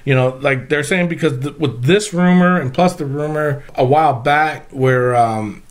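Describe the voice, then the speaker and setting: A man's voice: a little high, moderate pace. A man hosting a wrestling podcast, talking casually with many fillers and restarts. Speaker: podcast host.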